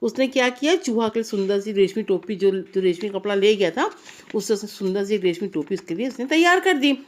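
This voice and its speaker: A woman's voice: mid-range voice, lively intonation, a little fast. A woman telling a bedtime story aloud to a child. She talks in an informal, rambling way and turns to address the child directly now and then.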